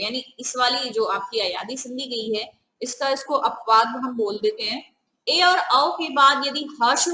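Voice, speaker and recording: A woman's voice: high voice, sharp tone, reverberant, poor audio. A woman teaching a grammar lesson step by step, often asking the viewers questions. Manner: repeats "ठीक है", asks the viewers questions.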